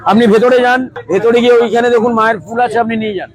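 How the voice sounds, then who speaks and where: Man, street food vendor, quick and high-pitched, effusive and devout, busy crowd behind. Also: fairly even intonation. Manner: devout, effusive, chants religious praises and rattles off dishes. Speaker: food stall owner. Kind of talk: casual chat while serving customers. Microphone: vlogger's handheld camera. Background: crowd chatter.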